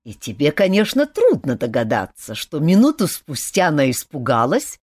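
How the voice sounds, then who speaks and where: A woman's voice: sits low, huge pitch swings, moderate pace, darkish tone, husky, full character voice. A woman reading a huge, blunt warrior who growls and scolds with open scorn. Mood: angry, scornful.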